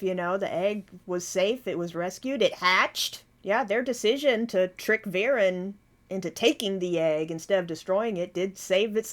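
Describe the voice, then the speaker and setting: Emphatic woman reacting to a show. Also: mid-range voice. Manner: expressive, exclamatory, swears freely. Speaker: reaction video host. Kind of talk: casual reaction commentary.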